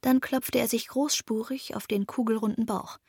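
A woman narrating a children's fantasy story in lively, expressive audiobook style. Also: on the high side, normal speed, breathy edge, no room sound, studio quality.

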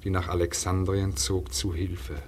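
A man reading a first-person literary monologue aloud in a measured, solemn and dramatic way, sometimes dropping to a hush. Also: low-pitched, level tone, a little hiss or hum.

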